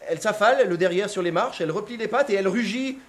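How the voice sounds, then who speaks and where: A man reads literary prose aloud with a theatrical flair, his somewhat high voice dropping to a hush and then rising again with excitement. The reading feels dramatic and carefully shaped. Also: fast. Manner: expressive, theatrical, shifting from hushed to excited. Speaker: narrator.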